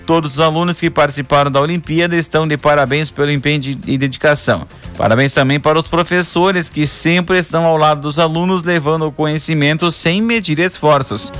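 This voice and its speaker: A man reads scripted local news as a presenter, in a formal announcer's delivery with measured phrasing. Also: on the high side, a bit bright, faint music behind.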